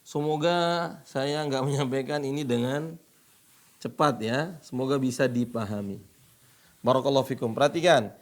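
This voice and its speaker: A man's voice: medium pitch, normal speed. A man teaching Quran recitation, patiently repeating each phrase and drawing out the model readings for his students. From Indonesia.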